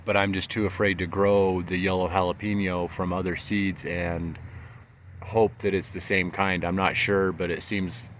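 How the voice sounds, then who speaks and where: Low-voiced man, casual gardener host, rambling, fillers, noisy background. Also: moderate pace. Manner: easygoing, rambling, many fillers. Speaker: home gardener reviewing peppers. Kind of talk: casual tasting vlog. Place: home and backyard garden. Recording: steady background noise.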